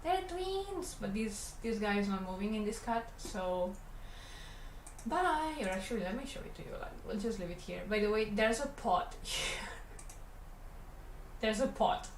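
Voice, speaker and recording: In an animation studio room with a roomy feel and faint background hum, a woman from Catalonia, Spain, talks casually to her livestream while drawing. Her mid-range voice is a little slow, carrying a Spanish Catalan accent from her first language, Catalan. She stays relaxed and rambling as she works.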